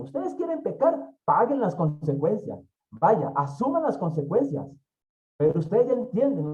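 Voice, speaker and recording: Emphatic preacher, warm and muffled. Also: male voice, high voice. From Colombia. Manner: emphatic, repeats key phrases, acts out quoted voices. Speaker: Bible teacher. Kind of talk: expository Bible study sermon.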